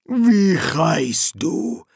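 A man voicing a gruff, suspicious foreign guard captain in an audiobook, slow and commanding. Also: on the high side, big pitch swings, no echo, clean studio sound, voice pushed up, exaggerated voice. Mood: menacing. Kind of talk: audiobook character voice.

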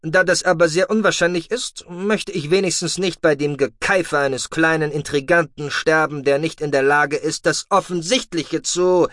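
A man's voice: on the high side, fairly even intonation, normal speed, hardly any pauses, a bit bright, no room sound, clean studio sound, voice pushed up, lightly acted. A man doing a sardonic starship commander. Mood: weary. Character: calm, dry-witted male alien ship commander.

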